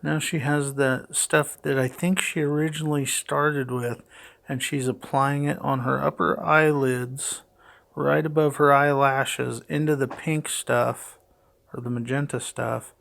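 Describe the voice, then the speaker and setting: A middle-aged man with a gravelly voice and heavy audible breathing, giving hesitant, puzzled, matter-of-fact unscripted play-by-play narration. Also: mid-range voice, fairly even intonation, unhurried, a bit bright. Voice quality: gravelly, creaky. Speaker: father doing a voice-over for his daughter's makeup video.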